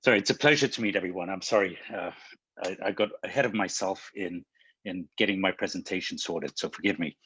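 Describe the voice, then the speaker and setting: A man from Hong Kong giving a webinar presentation over a video call, halting and often restarting his words. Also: sits low, a bit bright, breathy edge, no room sound, lo-fi sound. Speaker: panelist presenter.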